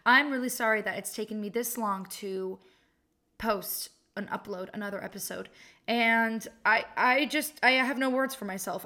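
A woman in her twenties hosts her own solo podcast, chatting casually, mocking herself, laughing often, and dropping plenty of likes and ums. Her voice is a little high, bright, and forceful.

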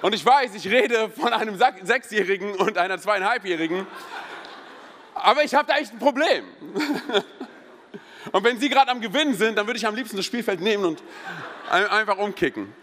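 A man in his thirties preaching a sermon in a church, energetic and joking, telling personal stories with many interjections. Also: high-pitched, moderate pace, slight background noise. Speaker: pastor. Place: church hall. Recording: long hall reverb.

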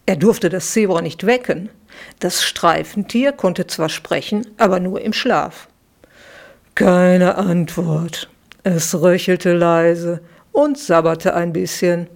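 Slow storytelling woman. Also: lowish voice, vocal fry. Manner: slow, lively voices for the children. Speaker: author reading her children's book. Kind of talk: storybook reading aloud.

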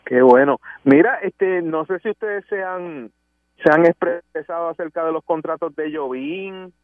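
A man's voice: a little high, a little slow, no echo. Puerto Rican caller man on phone. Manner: insistent, argues back. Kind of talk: casual call-in argument. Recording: tinny phone line.

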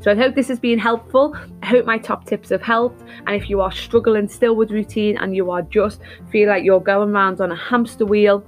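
A woman's voice: mid-range voice, steady tone, moderate pace, soft background music. A woman hosting an advice episode, talking to listeners in an upbeat, encouraging way as she sets out tidy tips. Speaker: podcast host.

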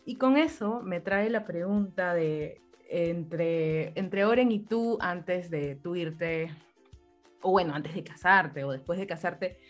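A woman's voice: lowish voice, slow, faint music behind. A woman interviewer asking a long question in a casual, hesitant way, full of fillers and restarts.

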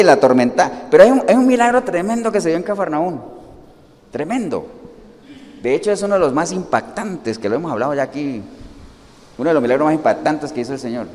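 A man's voice: fairly high pitch, darkish tone. A man preaching a sermon as pastor, quizzing his listeners with questions as he goes. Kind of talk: interactive sermon. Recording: long hall reverb.

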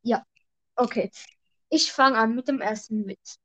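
A woman's voice: a little high, a little slow, a bit bright. A woman hosting a casual podcast, telling jokes eagerly and explaining her punchlines, heard through a lo-fi mic with a slightly robotic echo. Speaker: podcast host. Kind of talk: casual joke-telling chat.

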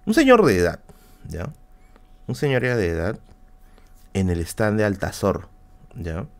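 A man's voice: on the low side, wildly swooping pitch, unhurried. A man with a Peruvian accent telling a personal anecdote on a live stream, casual and slangy, with many fillers and asides to the audience. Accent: Peruvian Spanish.

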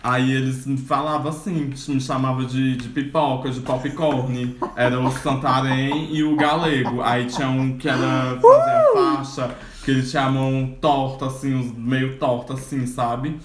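A man at mid pitch tells a story in a loose, rambling way on a casual podcast. His voice echoes in the room, with faint noise behind it. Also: expressive, normal speed. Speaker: podcast co-host. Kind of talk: casual chat.

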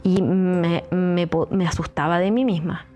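A woman's voice: on the low side, fairly even intonation, unhurried, warm tone, soft background music. A woman with a Chilean accent, a psychologist hosting a podcast, talking casually and earnestly, repeating her advice to urge listeners. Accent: Chilean Spanish.

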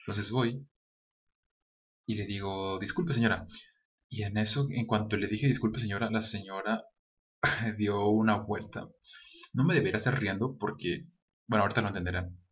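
A man's voice: lowish voice, fairly even intonation, normal speed, long pauses, a bit bright. A young man with a Mexican accent, earnestly telling a personal anecdote straight to his viewers. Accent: Mexican Spanish. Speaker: vlogger. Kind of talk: casual storytelling to camera. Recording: dull lo-fi sound.

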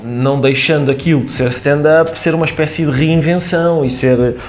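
A man's voice: fairly high pitch, steady tone, normal speed, faint music behind. A man with a European Portuguese accent, a comedian being interviewed, explaining his ideas with examples and quoted asides. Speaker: comedian guest. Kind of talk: conversational interview.

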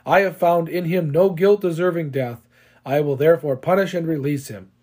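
A man voicing a weary male Roman governor who is a reluctant judge, read in a measured, even way. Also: on the high side, lightly acted. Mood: insistent.

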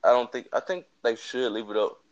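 A man's voice: mid-range voice, steady tone, fairly quick, highs cut off. A tired young man co-hosting a casual late-night chat, laid-back and hedging as he talks. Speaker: co-host.

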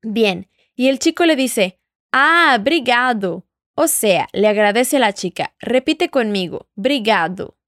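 A woman's voice: on the high side, no room sound, studio quality. Patient woman teaching Portuguese. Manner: patient, prompts the listener to repeat and answer. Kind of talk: audio language lesson.

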